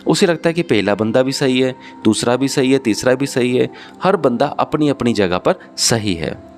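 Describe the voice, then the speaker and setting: A man's voice: medium pitch, expressive, normal speed, soft background music. A man narrating a spiritual story in casual Hindi mixed with English words.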